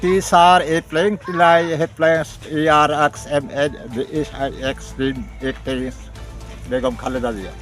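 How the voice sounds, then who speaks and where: A bumbling parody news anchor with a Bangladeshi accent, put on by a man, drags through mock-English gibberish in a comedy bulletin. The voice is fairly high and extremely slow, with music clearly playing behind. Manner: parody news anchor, halting nonsense delivery. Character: bumbling male English-language newsreader spouting gibberish.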